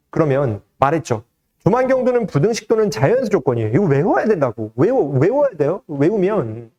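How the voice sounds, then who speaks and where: A man teaching math, explaining an exam problem step by step in a conversational way and often asking his students questions. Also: on the high side. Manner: lively, conversational teaching with frequent rhetorical questions. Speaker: math tutor. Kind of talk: exam solution lecture.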